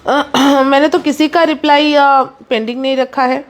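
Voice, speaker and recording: A woman with a high, light voice runs a live saree sale. She rattles off prices and repeats her calls to book fast, slipping English words into a pushy, rapid patter. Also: fairly even intonation. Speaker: online saree seller. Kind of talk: live sales stream.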